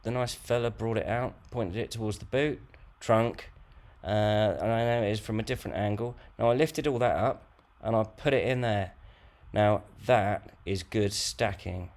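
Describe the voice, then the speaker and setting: A man narrating a home vlog in a jokey, teasing, lively way. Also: on the low side, moderate pace, hardly any pauses. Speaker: co-host, husband. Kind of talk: playful vlog voice-over.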